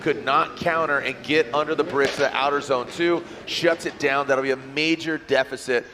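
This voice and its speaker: A man calling a live motorsport event as play-by-play commentator, upbeat and quick with banter and catchphrases. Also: medium pitch, steady tone, sharp tone, slight background noise.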